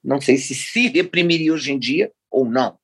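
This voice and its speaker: Speaking at a normal speed, this woman has a rumbling low, slightly rough voice. She's a Rio de Janeiro writer in her sixties, a guest in a casual interview who laughs a lot and drifts into lengthy tangents.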